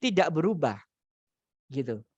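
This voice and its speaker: A man's voice: on the high side, big pitch swings, a little slow, a little mellow, slightly rough, no echo. Male grammar teacher, dry sound. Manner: explains step by step, repeats key terms, asks rhetorical questions. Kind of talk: religious study class lecture.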